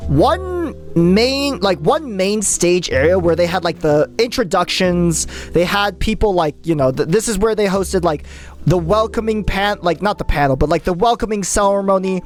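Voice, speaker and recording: A streamer chatting casually with viewers, rambling and excitable, full of fillers and swearing. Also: medium pitch, moderate pace, faint music behind. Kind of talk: casual live-stream chat.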